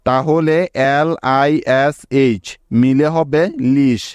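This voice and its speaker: Slow, patient male spelling teacher. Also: on the high side, steady tone, darkish tone, clean tone, no room sound, dull audio. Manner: patient, asks the class questions and answers them himself. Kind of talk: slow classroom-style lesson.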